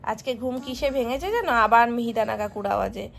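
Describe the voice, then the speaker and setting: A young mother and vlogger with a West Bengal Bengali accent chats casually to her viewers while coaxing her toddler, filming at home indoors and in the garden. Her voice is a little high, brisk, and creaky.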